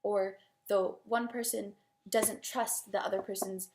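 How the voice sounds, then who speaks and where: A young woman vlogging about books, ranting in an animated, exasperated way with lots of "like". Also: medium pitch, a little slow, a little hiss or hum. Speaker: book vlogger. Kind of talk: casual opinion vlog.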